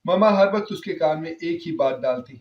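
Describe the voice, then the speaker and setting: A man's voice: fairly high pitch, animated, recorded from a distance. A man narrating an emotional first-person story in an earnest, heartfelt way. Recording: roomy, slightly dull recording.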